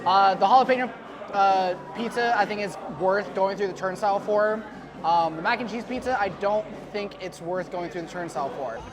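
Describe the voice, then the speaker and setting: A man casually reviewing food like a vlogger, giving measured, slightly halting judgments in an informal way. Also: high-pitched. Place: outdoors at a theme park. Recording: outdoor vlog amid crowd noise. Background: crowd noise.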